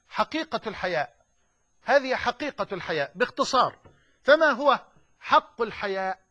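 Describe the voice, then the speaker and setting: A man's voice: sits high, bright, forceful tone, lo-fi sound. A man with an Egyptian accent preaching a sermon, emphatic and fervent, moving between formal classical phrasing and everyday colloquial speech.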